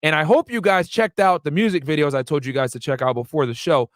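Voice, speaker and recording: A man's voice: on the high side, quick pace, no echo, studio quality. Chatty young man hosting a livestream. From United States. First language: Arabic. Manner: chatty, many fillers and asides to viewers. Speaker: livestream host. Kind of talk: casual livestream commentary.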